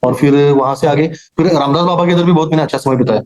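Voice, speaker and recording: A man speaking quickly in a fairly high voice as an interview guest. He recounts his pilgrimage earnestly, often repeating words and phrases, in relaxed casual talk. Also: over a noisy crowd, low-quality recording.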